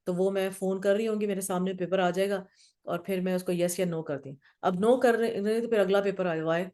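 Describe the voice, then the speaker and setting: A woman's voice: medium pitch, steady tone, mellow. A middle-aged woman, hosting a casual group talk on parenting. She explains with personal stories and slips in English phrases.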